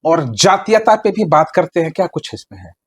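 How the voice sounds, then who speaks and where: A man's voice: fairly high pitch, very animated, moderate pace, breathy edge. A man interviewing a hospital official with pointed, probing questions.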